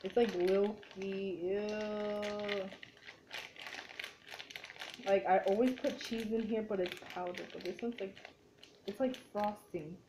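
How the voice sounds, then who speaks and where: A young woman from a Mexican family chatting casually while cooking, full of "like" and "dude" and quick to say "ew". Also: medium pitch, steady tone, noisy background. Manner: chatty and easily grossed out, lots of "like" and "dude". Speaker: vlogger. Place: dim home kitchen.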